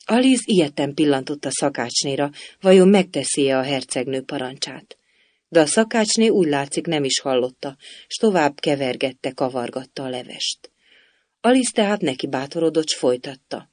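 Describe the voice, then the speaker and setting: A man narrating a storybook in a measured, even way. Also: a little high, dry recording. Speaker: audiobook narrator.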